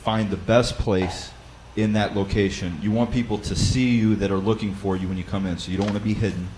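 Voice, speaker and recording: A Bible study teacher gives practical advice in an instructional talk, guiding listeners the way he would lead a class. His voice is fairly low, loud and steady in tone, and his conversational delivery often pauses on fillers and restarts phrases, over a faint hum of background noise.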